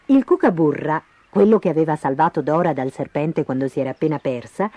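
A woman reading a children's fairy tale aloud in a lively, expressive way. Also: low voice, a little fast, no room sound. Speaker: storyteller. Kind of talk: storybook reading.

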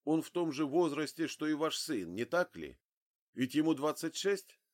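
A man voicing a calm official who talks down an armed father, in an audiobook. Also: on the high side, normal speed, pitched above the performer's own voice. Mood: firm. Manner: calm, firm. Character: calm male official, steady negotiator.

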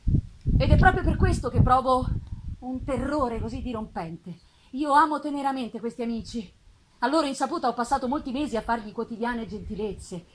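A woman's voice: on the high side, slight background noise, close to an everyday voice, rough recording. A woman reading aloud, voicing a lonely male creature who speaks earnestly and pleadingly. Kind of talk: literary reading with character voices.

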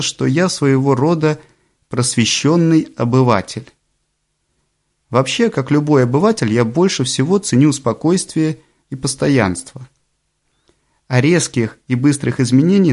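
The audiobook narrator here is a man with a middle male pitch who reads in an even, composed way from start to finish. He is calm and deliberate, slowing over the phrases he means to emphasize.

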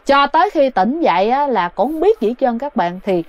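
A woman's voice: high-pitched, very animated, fairly quick, no room sound. Chatty woman storyteller. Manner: chatty, addresses listeners directly. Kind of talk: casual ghost story narration.

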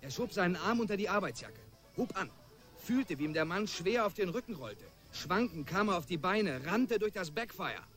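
Firefighter telling the rescue story in a radio play, high voice, soft music behind. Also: male voice, animated, normal speed. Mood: recounting. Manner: vivid storytelling. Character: male firefighter retelling a rescue. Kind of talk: radio drama acting.

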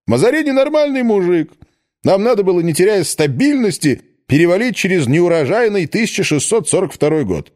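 A sly, self-satisfied old cardinal, as a male reader puts him on, full of sardonic, drawn-out emphasis. His pitch swoops wildly up and down from word to word and sits a little high for a man. It sounds like an audiobook figure. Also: sing-song, darkish tone. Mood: irritated. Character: smug aging male cardinal-minister, cynical and sly. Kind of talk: audiobook reading of a satirical story.

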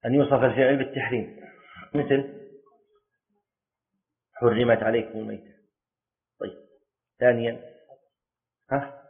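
A man leads a classroom lesson, his voice sitting in an ordinary middle pitch. He explains patiently, tosses questions to his students and echoes key terms twice. The recording sounds narrow and tinny, like a phone line. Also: steady tone, moderate pace, pauses often. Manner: explains step by step and quizzes students; repeats key words for emphasis. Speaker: teacher of Islamic jurisprudence.

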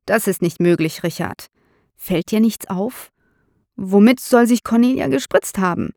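A woman reading the part of a thoughtful man who reasons things out calmly. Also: mid-range voice, a little slow, vocal fry, no echo, clean studio sound. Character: thoughtful male friend of the detective.

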